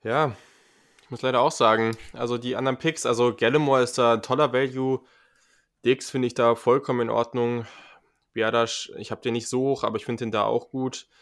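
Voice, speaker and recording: A man's voice: medium pitch, steady tone, a little fast, fairly bright tone. A man talking casually and enthusiastically as a panelist on a sports podcast, with frequent fillers.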